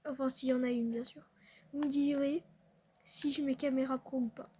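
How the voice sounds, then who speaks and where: A young woman chatting excitably to her viewers while playing a football video game. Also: high voice, moderate pace, slight background noise. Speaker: gaming streamer. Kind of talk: casual live commentary on a football video game.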